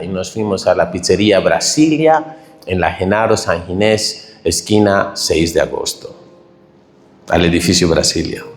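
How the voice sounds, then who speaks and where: A middle-aged man gives an emotional church testimony, his pitch swinging widely as he tells his story. He preaches into a stage mic, and the church hall adds a long, echoing reverb. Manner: emotional, tearful, animated storytelling. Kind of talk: testimony sermon.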